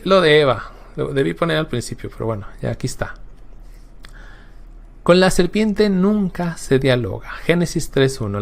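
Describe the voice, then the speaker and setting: A man's voice: fairly high pitch, gravelly. A man teaching a recorded Bible class as a catechist, emphatic, repeating words for stress and checking in with his listeners.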